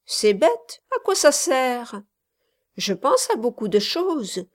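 A woman's voice: high voice, sing-song, slow pace, voice pushed up, heavily acted. A woman voicing a naive, playful young girl in a storybook reading, with a teasing singsong lilt. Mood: dreamy.

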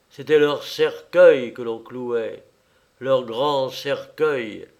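A man narrating a novel as an audiobook in a measured, dramatic way. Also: mid-range voice.

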